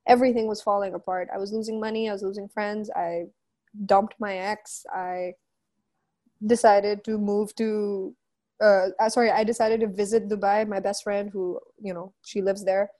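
A woman's voice: mid-range voice, steady tone, moderate pace, mellow. A woman in her twenties with a Pakistani accent, telling her story frankly and informally as an interview guest, slipping between English and Urdu. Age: 20s. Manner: frank, informal, with quoted asides. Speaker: interview guest, musician and model. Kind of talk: candid conversational storytelling, mixing in Urdu phrases.

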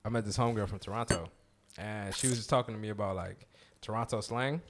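A man's voice: on the low side, fast, a little hiss or hum. An American man hosting a podcast in casual, slangy banter. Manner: slangy, animated. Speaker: podcast host.

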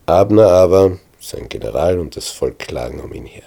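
A man retelling a Bible story with vivid asides, moving between hushed and loud narration. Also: deep voice, expressive, moderate pace, vocal fry, slightly rough.

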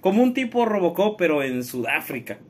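A man with a Mexican accent speaks in a fairly high voice that swings up and down with lots of life. He chats playfully on a group podcast and fills the gaps with hesitant "este" and "eh" as he looks for words. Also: sing-song, brisk, slight background noise. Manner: chatty, playful, hesitant fillers. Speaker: podcast co-host. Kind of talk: casual group chat.

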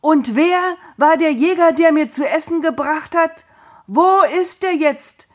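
A woman voicing an old blind father who speaks slowly and solemnly, with a husky voice. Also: mid-range voice, fairly even intonation, a little mellow, pitched above the performer's own voice, close to an everyday voice. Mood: distraught. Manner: solemn, slow blessing voice.

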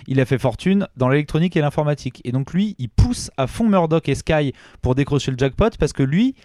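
A man co-hosting a casual football podcast, telling lively anecdotes. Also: on the high side, dry recording, clean studio sound. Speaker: podcast co-host. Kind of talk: casual football history chat.

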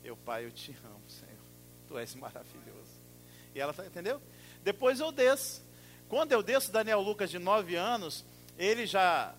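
A middle-aged man preaching with a high, bright, forceful voice. He swings from loud, punchy exclamations to quiet asides. Soft music plays faintly behind him. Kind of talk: sermon.

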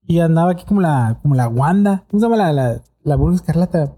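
Mexican guy hosting a podcast, young, playful, teasing, with a mellow, slightly husky voice. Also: fairly high pitch, expressive, fast, soft background music. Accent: Mexican Spanish. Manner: joking, teasing friends, playful singsong. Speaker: podcast host. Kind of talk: casual podcast chat.

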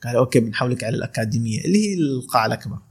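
He's a podcast guest, a calligrapher in his twenties from Khor Fakkan with an Emirati Arabic accent, whose mid-range voice is animated, breathy-edged, and rapid-fire. Faint music sits in the background. He laughs often while telling stories and frequently restarts what he's saying.

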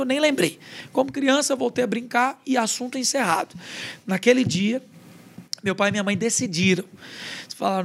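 A man with a Brazilian accent, a pastor and podcast guest, telling a personal testimony in casual chat and acting out the dialogue in a raised voice. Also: high voice. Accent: Brazilian Portuguese. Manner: lively retelling that acts out quoted dialogue in a raised voice.

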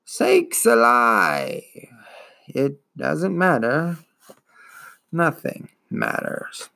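A man's voice: medium pitch, huge pitch swings, vocal fry, sharp tone, heavily acted. Morla, a man voicing an ancient, gloomy giant turtle. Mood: weary gloomy. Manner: slow, gloomy, wheezing drawl.

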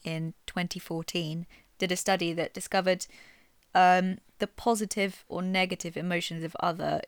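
A woman's voice: on the low side, steady tone, moderate pace, no room sound. A woman co-hosting a podcast in casual, wry chat, laughing often. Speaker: podcast co-host.

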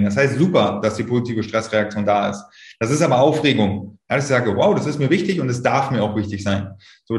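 Lebhafter Coach mit Hall. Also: male voice, medium pitch. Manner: lively, animated, acts out worried voices. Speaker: stress coach, podcast guest. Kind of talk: casual advice talk.

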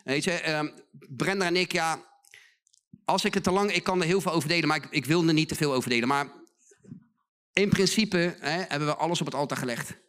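High-voiced Dutch-speaking male preacher. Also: brisk, long pauses, fairly bright tone. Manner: emphatic, repeats phrases, acts out quoted voices. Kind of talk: sermon. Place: church hall.

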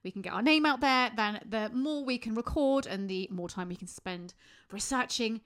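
A woman's voice: on the high side, moderate pace, a bit bright. Chatty woman podcast host. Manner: chatty, laughs easily, rambling tangents. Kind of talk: casual chat and scripted narration.

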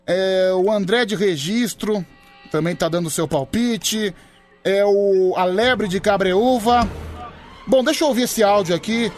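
A man's voice: high-pitched, measured pace, soft background music. A man hosting a comic radio show, teasing and stalling with playful exasperation.

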